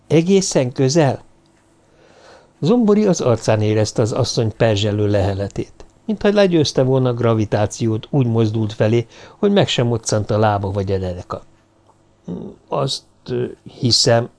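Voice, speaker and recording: A man narrating an audiobook in an even, measured reading. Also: fairly low pitch. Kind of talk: scripted narration.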